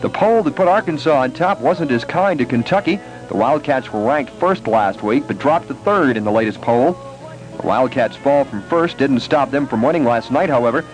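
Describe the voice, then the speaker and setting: A man co-hosting a radio show, reading sports news in a steady way. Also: medium pitch, moderate pace, faint music behind, poor audio. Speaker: radio co-host and news reader.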